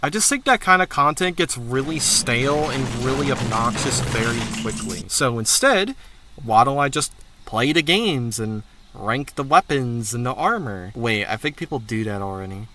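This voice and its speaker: A man's voice: mid-range voice, animated, normal speed, noisy background. A man hosting his own channel, talking through plans in a candid, rambling monologue with frequent swearing. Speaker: channel host. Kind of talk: casual channel update monologue.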